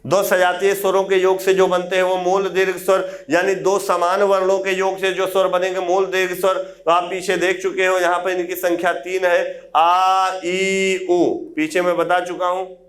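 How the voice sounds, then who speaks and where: A man's voice: sits high, monotone, moderate pace, hardly any pauses. A man teaching Hindi grammar in an exam-prep video lecture, asking the class questions and answering them himself while writing on a board.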